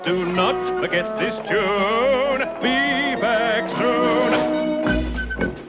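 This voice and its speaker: A sly older thief-master, seeing off his young pickpockets with a jaunty music-hall number. His voice sits high and swoops widely over the notes, and he takes his time with each line. A loud orchestral film soundtrack plays under him. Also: wildly swooping pitch, heavily acted. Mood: jaunty sing-song. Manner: singing a jaunty, drawn-out music-hall tune.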